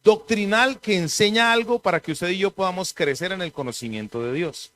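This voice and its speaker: A middle-aged man with a Colombian accent, preaching a church sermon in a lively, conversational way with humorous asides. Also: sits high, fairly quick. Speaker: pastor. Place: church service.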